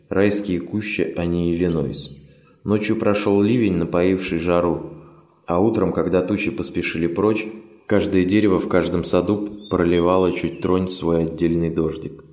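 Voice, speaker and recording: A man narrates a novel in a very deep, measured, expressive voice. The recording has a roomy echo, with soft music running underneath. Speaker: audiobook narrator. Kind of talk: scripted literary narration.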